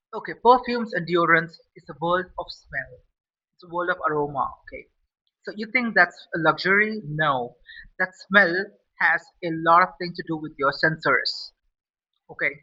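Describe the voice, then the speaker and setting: A man's voice: on the high side, bright, forceful tone. A man giving a blunt, profane opinion rant, repeating himself as he talks. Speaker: vlogger. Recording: lo-fi and a bit far from the mic.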